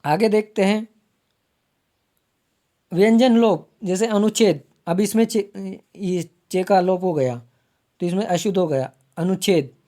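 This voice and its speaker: Slow, mellow-voiced Hindi grammar teacher. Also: male voice, high-pitched. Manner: slow, repeats words to spell them out; addresses viewers as friends. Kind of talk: exam-prep lesson.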